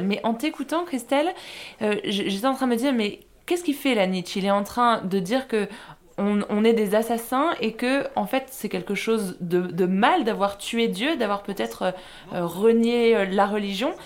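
Une femme qui anime un balado et enchaîne les questions sur un ton vif. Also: female voice, medium pitch, moderate pace. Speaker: podcast host. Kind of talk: podcast talk.

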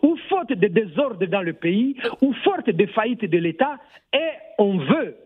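A man's voice: high-pitched, very animated, unhurried, breathy edge. Insistent man on a tinny phone line. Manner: insistent, talks over others. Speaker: debate guest. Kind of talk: radio debate.

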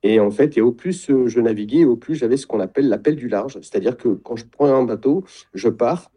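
A middle-aged man speaks in a very dark, mellow voice at an ordinary pitch. He is a reflective interview guest who keeps pausing to find the right word. His speech stays calm and inward. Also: husky. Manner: reflective, searches for words, pauses often; describes himself as introverted. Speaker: guest, sailing retreat founder. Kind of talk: casual interview talk.

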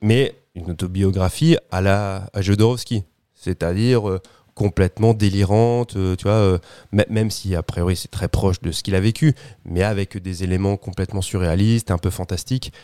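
Man, podcast host, casual film talk, low mellow voice, dry close sound. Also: steady tone, normal speed, smooth, no room sound. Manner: rambling, many restarts and fillers. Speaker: podcast host discussing cinema.

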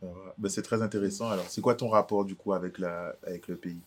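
A man hosting an interview, asking measured, probing questions and nodding along with short acknowledgments. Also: low-pitched, fairly even intonation. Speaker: interview host. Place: indoor cultural space in a bookstore.

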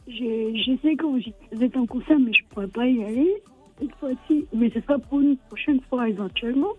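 A woman's voice: a little high, brisk, husky, faint music behind. A woman calling in to a radio show, speaking in a hesitant, friendly way. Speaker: caller. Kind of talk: phone-in chat. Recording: tinny phone line.

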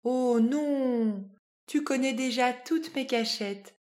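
A woman's voice: high voice, animated, takes it slowly, pitched above the performer's own voice. Woman doing a cheerful little boy. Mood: playful. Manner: bright, eager, playful. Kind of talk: storybook reading for children.

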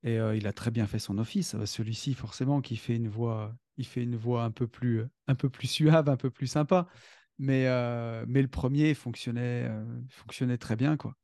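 A man speaking as a guest on a podcast, enthusiastic and hesitant, filling pauses often, into a studio microphone. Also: medium pitch, steady tone, warm tone, dry recording. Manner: enthusiastic, hesitant with many fillers. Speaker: podcast guest, financial coach. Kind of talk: casual podcast conversation.

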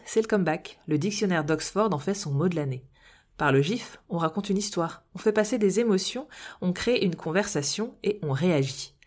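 A woman hosting a podcast, reading a scripted explainer with wry, playful asides. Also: lowish voice. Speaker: podcast host.

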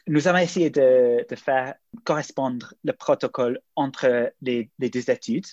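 An English man is interviewed about his research, speaking broken, halting French with an English accent and non-native grammar. His mid-pitched voice sits in a dry, slightly lo-fi recording. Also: a little mellow, no echo. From England. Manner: halting, hesitant delivery. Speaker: guest medical researcher.

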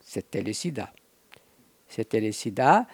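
A woman from Brazil, a doctor and activist telling her story slowly, searching for words with pauses and restarts. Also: very deep voice, lively intonation, a little mellow, slightly rough, no echo. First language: Portuguese. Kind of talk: personal testimony.

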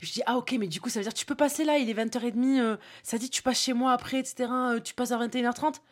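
A woman's voice: fairly high pitch, steady tone, racing. Chatty young woman from Toulouse. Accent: Toulouse, southern French. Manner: spontaneous, chatty, addresses listener directly, many fillers. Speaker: podcast host. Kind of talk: casual solo podcast storytelling.

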